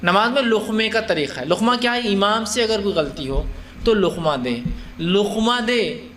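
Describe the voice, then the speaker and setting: Man, Islamic lecturer, high-pitched voice, conversational, asks and answers his own questions. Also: animated, a crowd in the background. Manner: acts out scenes with shifted voices. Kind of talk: religious lecture in Urdu.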